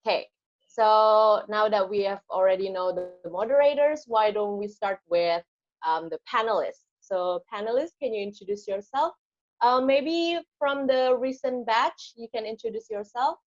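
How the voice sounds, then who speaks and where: A woman's voice: medium pitch, normal speed. A young woman from Indonesia, an intern moderating an online panel over a video call, hesitant with many ums and uhs. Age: young adult. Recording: slightly muffled video call audio.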